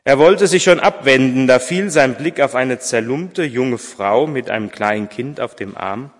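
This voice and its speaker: A pastor reading a story aloud in a church service, measured and a little hesitant when speaking freely. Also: male voice, mid-range voice. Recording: long church reverb, distant mic.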